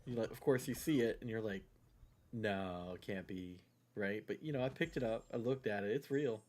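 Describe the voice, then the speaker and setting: A man's voice: mid-range voice, quick pace, a little mellow. A middle-aged man livestreaming a game, rambling through a casual story and often asking "right?" and "you know?" into a headset mic. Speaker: gaming livestreamer. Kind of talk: casual storytelling while playing a game live.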